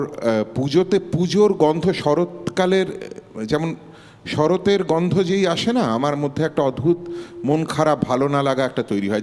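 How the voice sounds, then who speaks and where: Male singer, musing and melancholy, mid pitch, long reverb tail. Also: darkish tone. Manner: wistful, musing, self-deprecating. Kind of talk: reflective casual chat.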